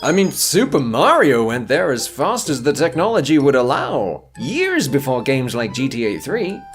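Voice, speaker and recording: This man's mid-range voice has a sing-song lilt at a normal speed as he delivers a humorous, scripted video essay full of wordy theatrics and sarcasm. Music runs underneath his narration.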